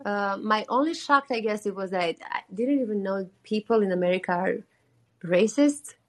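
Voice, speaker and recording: A young woman from Romania, a singer-songwriter, speaks as the guest of a call-in interview in a Romanian accent. Her medium-pitched voice keeps a moderate pace, and she is chatty and earnest, using "like" frequently.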